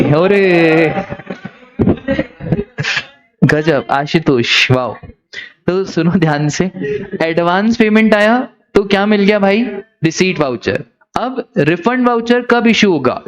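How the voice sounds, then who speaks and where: A man teaching a class, lively and teasing, telling joking stories and acting out the characters. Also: fairly high pitch, muffled recording.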